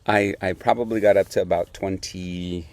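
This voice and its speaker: Young adult male host with a lowish voice, relaxed anecdote delivery with lively quoted voices. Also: a little fast. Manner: animated, laughs often, acts out quotes. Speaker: beer podcast host. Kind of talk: casual storytelling.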